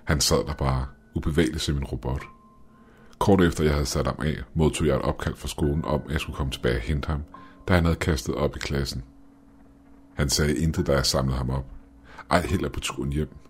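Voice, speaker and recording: A man with an extremely low, deep voice narrates a scripted horror story. He keeps a steady, measured storytelling pace. Faint music plays quietly beneath him.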